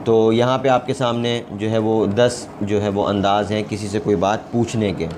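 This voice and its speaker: Male teacher, lowish voice, unhurried and methodical, repeating example words, faint hiss behind. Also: fairly even intonation, darkish tone. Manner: slow, careful, repeats each word twice. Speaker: English teacher. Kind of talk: recorded pronunciation lesson.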